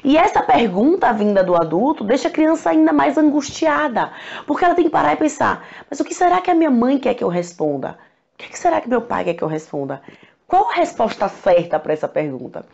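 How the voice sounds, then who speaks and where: A woman from Brazil, a parenting educator, speaks to camera in a relaxed, conversational way, with a gravelly edge to her voice. The recording sounds a little dull and lo-fi. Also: brisk. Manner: conversational, acts out parents' questions with rising pitch. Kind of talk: talking to camera about parenting.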